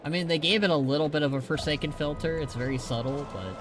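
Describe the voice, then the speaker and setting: A man's voice: on the high side, fast. A man livestreaming a game with casual commentary and musing, wry asides. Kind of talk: casual game commentary, reading quest text aloud. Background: game music.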